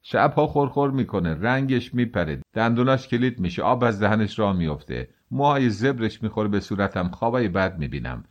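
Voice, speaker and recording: Rough, threatening male carter, coarse; a man reading all parts. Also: lowish voice, sing-song, few pauses, muffled recording. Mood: mocking.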